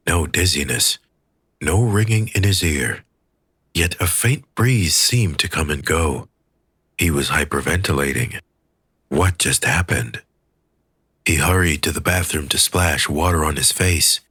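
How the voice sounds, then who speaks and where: A man reading an audiobook in a measured, expressive storytelling manner. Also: rumbling low, breathy edge, no room sound, clean studio sound. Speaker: audiobook reader. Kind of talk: scripted audiobook narration.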